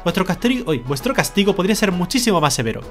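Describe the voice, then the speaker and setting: A streamer from Spain putting on a pompous male parrot in a game, strict and fussy, scolding, lively sing-song delivery, soft music behind. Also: medium pitch, quick pace, close to an everyday voice. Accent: Spain Spanish. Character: bossy pompous male parrot guildmaster's aide.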